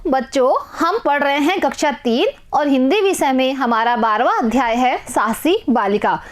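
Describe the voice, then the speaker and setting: A woman's voice: sits high, moderate pace. A young woman teacher giving a patient, repetitive lesson to young children, asking questions and answering them herself. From Rajasthan, India.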